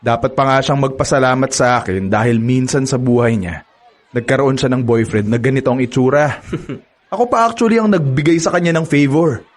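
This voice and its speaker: The radio-drama actor, a young adult man, plays a cocky college student who uses women, bragging with smug laughter. His mid-range voice is fairly quick and only lightly acted.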